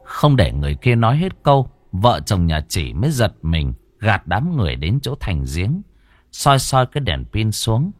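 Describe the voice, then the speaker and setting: A man's voice: lowish voice, very animated, moderate pace, dry recording. A man narrating a ghost story with a dramatic delivery.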